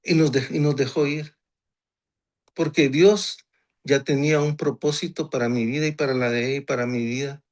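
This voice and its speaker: A man's voice: mid-range voice, fairly even intonation, normal speed, a little mellow. A man in his sixties from Honduras, telling his faith testimony in an earnest way and often repeating phrases. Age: 60s. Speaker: guest giving a church testimony.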